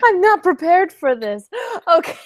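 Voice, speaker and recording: A young woman in a casual chat, hesitant and soft-spoken as she talks about herself. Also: extremely high pitch, big pitch swings, normal speed, very noisy.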